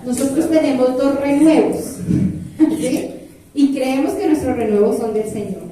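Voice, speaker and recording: A middle-aged woman preaching a sermon in a lively way, with playful asides and lists that she half sings. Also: high voice, a little slow. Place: church hall. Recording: very echoey hall, far from mic.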